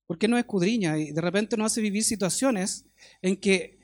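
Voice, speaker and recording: A middle-aged man with a Chilean accent and a high voice preaches a sermon conversationally. He uses homely stories and fires quick questions at his listeners.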